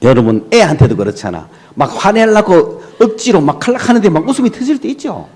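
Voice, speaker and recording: A middle-aged male pastor, preaching a sermon with animated storytelling and rhetorical questions to his congregation. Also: high-pitched, a little fast.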